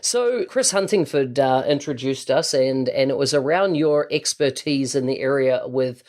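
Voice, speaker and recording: A man hosting an interview podcast, enthusiastic, often breaking in with "wow" and warm encouragement. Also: medium pitch, normal speed. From New Zealand. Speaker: podcast host.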